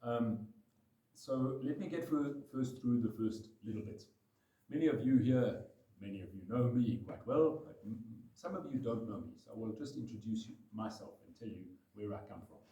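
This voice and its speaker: A man's voice: mid-range voice, expressive, moderate pace, dark tone, muffled recording. A man giving an informal, self-deprecating talk to a live audience, laughing often. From South Africa. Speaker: paragliding pilot giving a talk. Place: room with a gathered audience. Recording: echoey room, voice off-mic at times.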